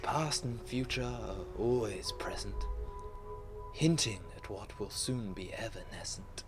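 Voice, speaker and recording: Man acting slow, whispery Death, aloof and poetic. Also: fairly low pitch, over music, close to an everyday voice. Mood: grave, scornful. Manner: slow, deliberate, poetic, grandiose. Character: Death, calm philosophical, darkly mocking ancient watcher. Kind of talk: rhymed poetic monologue.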